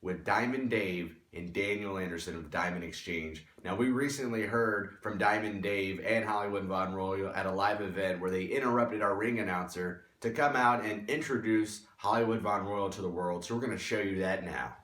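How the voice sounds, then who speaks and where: Echoey room: male wrestling host, slightly low voice, presenting segments. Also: normal speed, few pauses, a bit bright.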